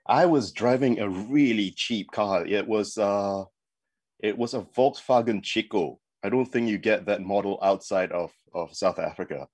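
A man's voice: fairly low pitch, measured pace, darkish tone, breathy edge, dry recording. A man in his forties from Singapore, a guest chatting casually about his career in a remote interview, rambling with many fillers and restarts. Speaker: guest, advertising creative.

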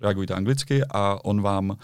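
A man chatting casually as a guest, telling stories briskly. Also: lowish voice, clean tone, no room sound, studio quality. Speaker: guest, street video maker. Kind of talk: casual conversation.

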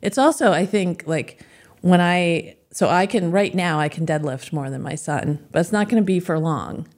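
A middle-aged woman with a low-pitched voice talks in a loose, rambling way. She laughs often between thoughts. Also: moderate pace, a little mellow. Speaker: guest. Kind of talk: casual conversation.

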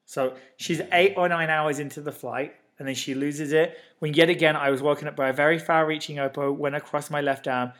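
Animated man co-hosting with a slight cough. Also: fairly high pitch, brisk, hardly any pauses. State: lingering cough. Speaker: podcast co-host. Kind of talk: casual chat, reading posts aloud.

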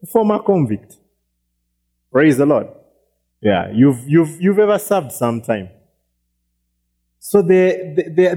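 Man, pastor, sermon, mellow voice, repeats himself, asks listeners if they follow. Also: fairly high pitch. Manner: repeats words, often asks "you get it?" and says "praise the Lord"; acts out quoted voices.

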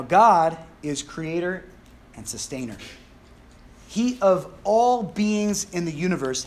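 A man preaching a sermon, telling a scripture story in an earnest, emphatic way. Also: sits high.

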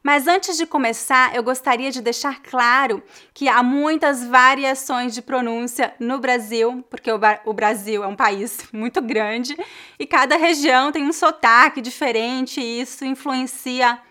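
Woman, São Paulo Brazilian accent, bright clear tone, slightly high voice, careful teaching delivery. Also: measured pace. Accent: São Paulo Brazilian Portuguese. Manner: clear, carefully enunciated examples. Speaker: Portuguese teacher, host. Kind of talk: language lesson conversation.

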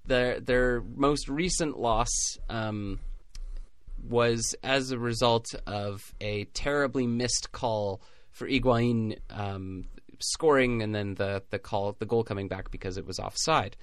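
A man's voice: mid-range voice, slow, dry recording, studio quality. A man co-hosting a casual soccer podcast, sarcastic and often laughing through his jokes. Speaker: podcast co-host. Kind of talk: casual sports chat.

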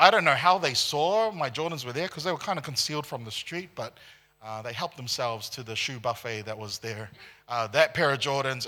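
A man from Singapore, preaching a conversational sermon with animated storytelling and frequent tag questions. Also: on the high side. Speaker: pastor.

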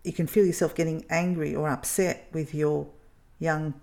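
A woman's voice: low-pitched, fairly even intonation, moderate pace, gravelly, a little mellow. A woman in casual conversation, speaking thoughtfully with frequent restarts as she works out her ideas. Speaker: parent, podcast co-host.

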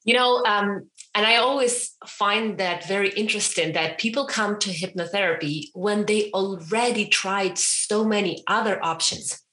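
A woman's voice: mid-range voice, moderate pace, few pauses, bright, forceful tone, roomy sound. A woman in her thirties from Ukraine, a hypnotherapist and interview guest who talks in a chatty way, with fillers like "you know". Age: 30s. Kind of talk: casual interview.

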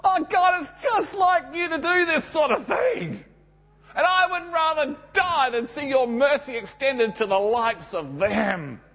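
A man's voice: sits high, animated, measured pace, heavily acted. An Australian man voicing a furious, petulant prophet who complains indignantly to God in a sermon's Bible story. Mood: petulant outburst.

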